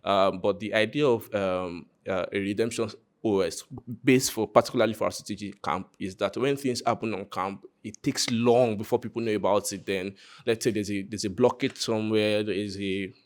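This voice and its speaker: A Nigerian content creator presents his hackathon project live, informal and chatty, joking and addressing his listeners directly. His pitch is fairly low and his intonation fairly even. He talks at normal speed with hardly any pauses.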